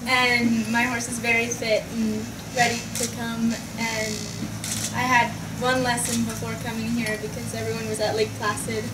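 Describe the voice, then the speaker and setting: A woman's voice: on the high side, flat delivery, normal speed. An eighteen-year-old woman from Virginia, a show jumping rider, speaking cheerfully with fillers in a post-competition interview. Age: young adult. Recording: loud noise, echoey, distant.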